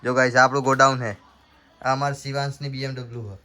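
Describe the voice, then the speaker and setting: Male shopkeeper, chatty vlog host, mid-pitch, noisy street behind. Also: flat delivery, quick pace, sharp tone. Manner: chatty, keeps addressing viewers as guys. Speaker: shopkeeper vlogger. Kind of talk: casual vlog commentary. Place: small shop and storeroom.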